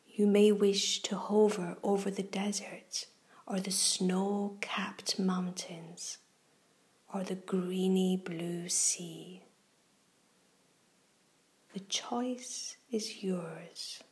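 Reading a guided meditation for young listeners, a relaxation show host speaks in a soft, breathy half-whisper. She moves slowly and soothingly, her mid-range voice holding a steady tone.

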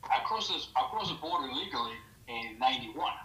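A middle-aged man from Mexico, a podcast guest telling his story in a relaxed way with loose grammar. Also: medium pitch, fairly quick, roomy sound, poor audio. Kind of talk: casual podcast interview.

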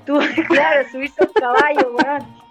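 A young woman with a Chilean accent casually retelling a story to a friend, animated and full of slang, laughing often. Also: high-pitched, normal speed. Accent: Chilean Spanish. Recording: muffled lo-fi with faint music.

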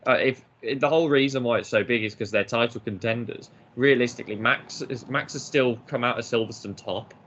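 A man's voice: mid-range voice, brisk, hardly any pauses, a bit bright, slight background noise. A man co-hosting a casual podcast, blunt and opinionated, joking with his co-hosts. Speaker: podcast co-host. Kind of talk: casual chat. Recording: dull lo-fi podcast audio.

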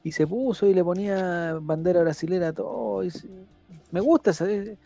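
A man's voice: sits high, lively intonation, a little fast, dark tone, soft background music. A man hosting a casual panel chat, joking and reading out viewers' comments. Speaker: host.

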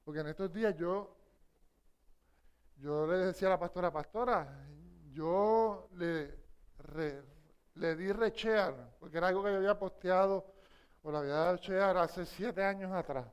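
A woman preaching a sermon with passion, swinging between hushed questions and loud, emphatic passages. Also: lowish voice, a little slow, smooth, highs cut off.

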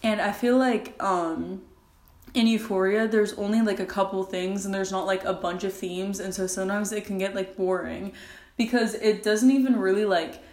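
A woman's voice: medium pitch, fairly even intonation, normal speed, darkish tone. A young woman hosting a casual solo podcast recorded in a bathroom, talking in an informal, rambling way peppered with "like". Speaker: podcast host.

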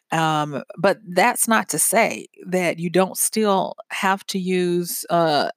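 A woman's voice: fairly low pitch, dry recording. Chatty woman host, dry close sound. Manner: chatty, laughs often, many fillers and restarts. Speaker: podcast host. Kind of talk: casual commentary to an audience.

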